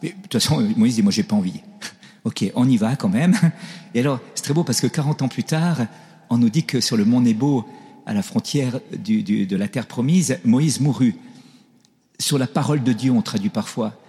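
A man's voice: medium pitch, moderate pace, mellow. A man preaching a sermon, telling stories and often asking his listeners "voyez-vous". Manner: storytelling, asks the audience "voyez-vous". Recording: reverberant hall.

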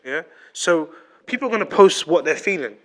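A man's voice: on the high side, expressive, normal speed. A man in his late twenties with a London roadman accent, chatting casually and emphatically as a podcast host, repeating himself and using slang. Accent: London roadman (urban London slang accent). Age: late 20s. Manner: emphatic, repetitive, slang-heavy. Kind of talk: casual opinionated chat.

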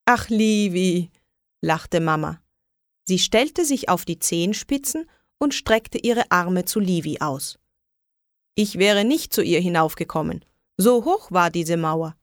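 A woman reading a children's story aloud in a lively, expressive way. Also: fairly low pitch, dry recording, clean studio sound. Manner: lively, expressive reading with raised voices for quoted calls. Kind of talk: scripted children's story narration.

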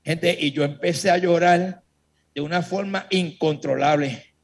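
A man giving a religious testimony to a congregation, telling his story in a lively way and speaking straight to his listeners. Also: fairly high pitch, unhurried.

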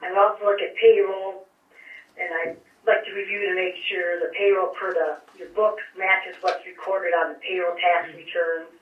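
A woman's voice: mid-range voice, recorded from a distance. A woman auditor heard over a speakerphone, giving an informal, chatty presentation to a council, full of fillers and restarts. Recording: tinny speakerphone in an echoey room.

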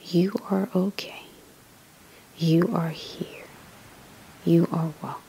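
A woman leading a guided meditation in a soft, whispery spa-like voice, soothing and measured, with pauses between short phrases. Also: on the low side, steady tone, vocal fry, a little hiss or hum, poor audio.

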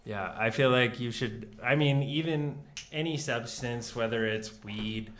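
A young man in casual podcast chat with his partner, relaxed and laughing often, swearing freely. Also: mid-range voice, a little slow. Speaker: podcast co-host.

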